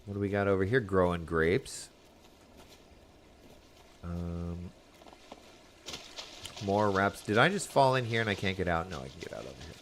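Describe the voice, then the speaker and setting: Low-voiced man chatting over a game. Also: lively intonation, normal speed, long pauses, fairly bright tone, slight background noise. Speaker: game streamer. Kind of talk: casual live gameplay commentary.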